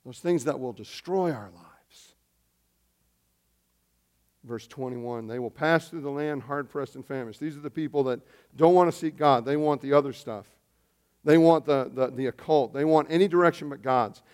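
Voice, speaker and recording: A man preaching a sermon as pastor, swinging between loud emphasis and quiet asides. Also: medium pitch, moderate pace.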